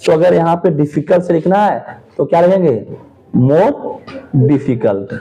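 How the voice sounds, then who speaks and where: Male teacher, fairly high voice with a very dark tone, patient and repetitive classroom explanation. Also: highs cut off. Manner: explains slowly, repeats words and asks rhetorical questions. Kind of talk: classroom lesson.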